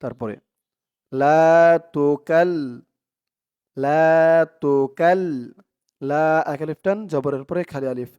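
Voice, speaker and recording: A man teaching Quran reading, sounding out each syllable, chanting verses slowly and explaining pronunciation rules in between. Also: a little high, darkish tone, smooth. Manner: drawn-out chanted recitation alternating with quick explanations. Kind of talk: slow spelled-out Quran reading lesson.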